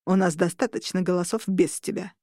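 A man's voice: high voice, fairly even intonation, a little fast, creaky, warm tone, no room sound, studio quality. Insistent scheming vampire lord, voiced by a woman narrator, near her own voice. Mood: calm. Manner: insistent, pleading.

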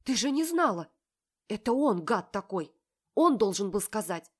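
A woman's voice: a little high, lively intonation, brisk, pitched above the performer's own voice. A woman voicing a sympathetic young female friend who is indignant on the heroine's behalf in an audiobook story.

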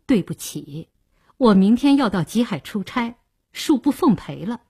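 A woman's voice: medium pitch, sing-song, a little slow, warm tone, slightly rough, dry recording, studio quality, heavily acted. A woman reading a radio novel aloud, voicing a cold, sarcastic woman who is fed up with her partner and speaks curtly. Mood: scornful. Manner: curt, scornful.

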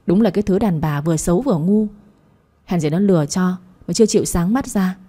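A woman's voice: fairly low pitch, a little fast, warm tone, husky. A woman doing a sneering daughter-in-law. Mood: scornful. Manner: mocking, insulting. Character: young woman, sharp-tongued scornful daughter-in-law.

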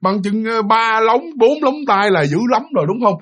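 Husky, fairly high man telling a ghost tale vividly to his listeners. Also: moderate pace. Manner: lively, vivid, speaks directly to listeners. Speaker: storyteller. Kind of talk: casual spoken ghost story.

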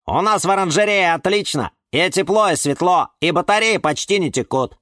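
A man's voice: sits high, animated, moderate pace, fairly bright tone, dry recording, clean studio sound, voice pushed up. A man voicing a cheerful plant who reassures a newcomer in a storybook. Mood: reassuring. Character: cheerful plant praising the greenhouse.

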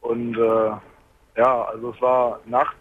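A man in his twenties calls in from a truck cab on a hands-free speakerphone, telling his story calmly and haltingly. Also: medium pitch. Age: 20s. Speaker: caller. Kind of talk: late-night radio phone-in call. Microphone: car hands-free speakerphone. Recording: tinny phone line, faint road noise.

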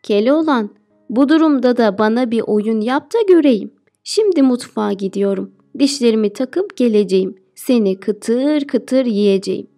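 A woman voicing a cunning female giant who eats children, speaking slowly in a raised, calling voice. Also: a little high, animated, mellow, faint music behind. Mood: gloating.

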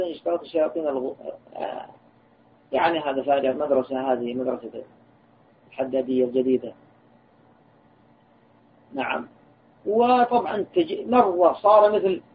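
An Islamic scholar with a fairly high, gravelly voice gives an earnest religious lesson, sharing a personal story of admonition. The audio is tinny and lo-fi, like a phone recording, with faint hiss.

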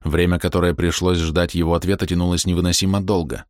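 Low-voiced man narrating an audiobook. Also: level tone, quick pace, no room sound, studio quality.

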